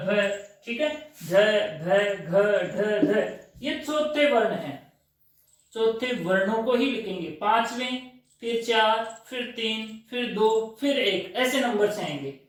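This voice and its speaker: Slow high-voiced male grammar teacher. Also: a bit bright, very echoey, distant mic. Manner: slow, repetitive drilling with questions and answers. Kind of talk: classroom grammar lesson.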